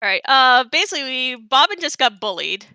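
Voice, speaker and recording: Bright, high-voiced woman commentating a game. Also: big pitch swings, moderate pace, smooth, dry recording, clean studio sound. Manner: chatty, playful asides. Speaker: speedrunner commentating own game run. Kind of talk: casual live game commentary.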